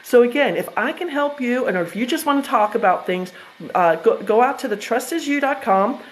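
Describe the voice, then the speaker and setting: A woman's voice: a little high, lively intonation, a little fast, slight background noise, poor audio. An American woman in her fifties giving a casual presentation on trusts, chatty and full of fillers and restarts. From United States. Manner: chatty, self-interrupting, with frequent fillers and restarts. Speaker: trust educator presenting to investors.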